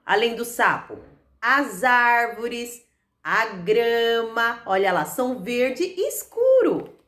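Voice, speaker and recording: Teacher lady talking to little kids, high voice swooping all over, slow and sing-songy. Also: very animated, a bit bright. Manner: slow, exaggerated, sing-song talk to small children. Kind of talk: online class for young children.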